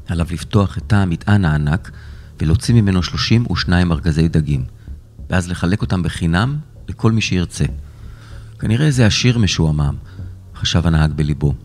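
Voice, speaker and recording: A man narrating a serialized children's story in a steady, dramatic way. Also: low-pitched.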